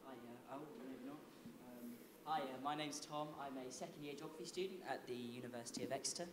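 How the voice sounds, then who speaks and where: A man's voice: medium pitch, brisk. A man of about twenty introducing himself hesitantly on a student panel. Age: around 20. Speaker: panel speaker, second-year student. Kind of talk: brief self-introduction on a panel. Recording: echoey room, clear background noise.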